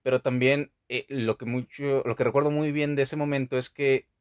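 A man's voice: mid-range voice, steady tone, moderate pace, clear, resonant tone, no room sound, highs cut off. A young man hosting a podcast, talking through a childhood memory in a rambling, casual way with many fillers. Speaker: podcast host.

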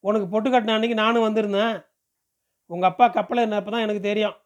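A man's voice: high-pitched, fairly even intonation, fast talker, pitched above the performer's own voice, lightly acted. A man voicing a pushy, talkative middle-aged village man who fires off questions in rural speech in an audiobook. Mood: pressing, coaxing. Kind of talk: audiobook character voice.

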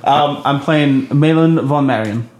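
A man's voice: on the high side, unhurried, over a noisy crowd. A man chatting casually as a player introducing himself on a tabletop gaming podcast. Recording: background room noise.

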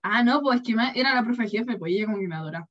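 A young woman with a Chilean accent in casual chat, telling a story with animated asides and acted-out quotes. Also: a little high, fast talker. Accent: Chilean Spanish. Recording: dull lo-fi sound.

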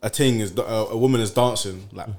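A man's voice: fairly low pitch, fairly quick, darkish tone. A young man, telling things to friends in slangy casual chat. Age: young adult.

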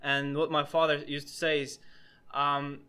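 A man's voice: fairly high pitch, completely flat delivery, a little slow, sharp tone, smooth. A young man hosting a casual podcast chat, talking hesitantly with many restarts and fillers. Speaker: podcast host.

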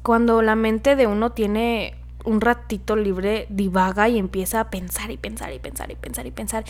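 A young woman hosting a casual advice monologue, affectionate and chatty, often laughing and sometimes dropping to a soft murmur. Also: mid-range voice, fairly even intonation, normal speed. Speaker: podcast host.

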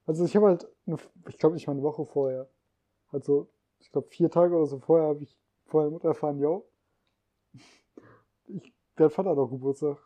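A man's voice: a little high, fairly even intonation, brisk, long pauses, warm tone, lo-fi sound. A young man co-hosting a casual podcast among friends at home, rambling in slang and trailing off into a mumble. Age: young adult. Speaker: podcast co-host. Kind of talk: casual chat.

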